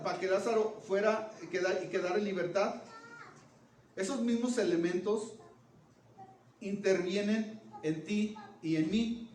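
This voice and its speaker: A man preaching a sermon, often checking in with the congregation and swinging between loud emphasis and hushed, low phrases. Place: church hall. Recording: echoey church room, voice from a distance, faint background noise.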